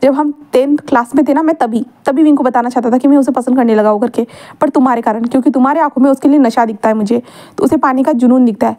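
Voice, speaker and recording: A woman voicing a cocky young man who teases and challenges his friend with quick questions. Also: high voice, steady tone, dark tone, natural voice. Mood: challenging.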